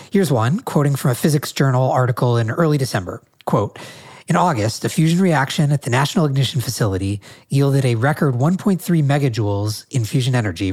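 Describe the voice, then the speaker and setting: A man's voice: medium pitch, a little mellow. A man hosting a podcast interview, talking articulately with a nasal voice from a cold. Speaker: podcast host.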